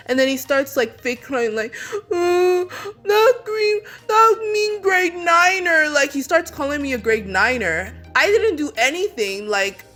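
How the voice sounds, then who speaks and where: A woman's voice: on the high side, fairly bright tone. A young woman, a beauty vlogger, telling a story in a casual, rambling way, filling it with "like" and restarts. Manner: rambling, heavy use of 'like', many restarts. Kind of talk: casual storytime while doing makeup.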